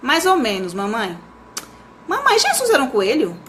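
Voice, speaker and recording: A woman's voice: high voice, wildly swooping pitch, normal speed, background noise. A woman reading aloud and voicing a curious little boy who keeps asking naive questions.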